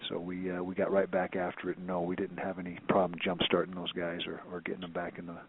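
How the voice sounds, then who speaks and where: A man's voice: low-pitched, completely flat delivery, quick pace, husky. A man, a college football head coach, answering reporters' questions on a teleconference, rambling with many restarts and fillers. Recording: tinny phone line.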